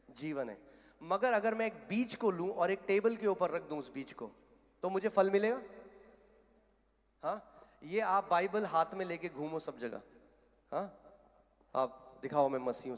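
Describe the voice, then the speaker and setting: A male pastor preaching a sermon in Hindi, blunt and direct, building to loud exhortation. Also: fairly high pitch. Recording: hall reverb.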